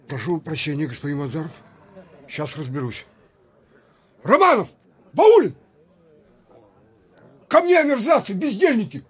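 An actor playing a deferential, excitable police officer who reports to his superior in an audio drama. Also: mid-range voice, moderate pace, pauses often, slightly rough. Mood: apologetic. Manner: obsequious, excitable, barking at subordinates.

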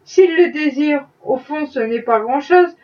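A woman reading a novel aloud, voicing a sweet, devout little girl in a gentle, earnest way. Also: high-pitched, measured pace, recorded from a distance, dull audio. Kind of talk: audiobook reading.

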